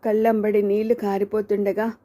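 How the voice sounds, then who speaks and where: A woman narrates a dark novel for an audiobook in a steady, dramatic storytelling voice. Her tone is mellow and warm, sitting at a middle pitch. The reading stays measured and scripted.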